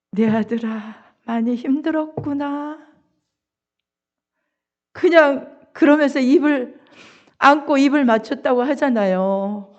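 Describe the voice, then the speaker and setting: A woman's voice: fairly high pitch, muffled recording. A middle-aged woman pastor preaching a sermon and acting out a father's words with feeling. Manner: acts out the father's words with emotion.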